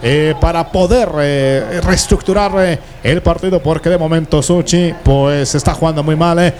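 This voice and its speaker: A man's voice: on the high side, normal speed, darkish tone. A man giving live play-by-play commentary on a football match. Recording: noisy live broadcast ambience.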